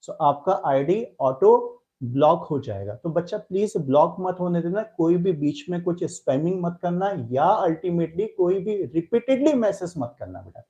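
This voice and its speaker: A male chemistry teacher with an Indian accent teaches a live online class. He speaks in a mellow, warm tone and talks to students in a fatherly way as he answers their chat messages. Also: high voice, sing-song, moderate pace, few pauses, dull audio.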